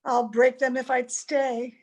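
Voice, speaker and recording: In an old-time radio drama style, a woman voices an anguished, never-aging wife and mother, earnest and pleading. Her high-sitting voice is slightly mellow, flat in delivery and unhurried, and she's recorded at home over a video call.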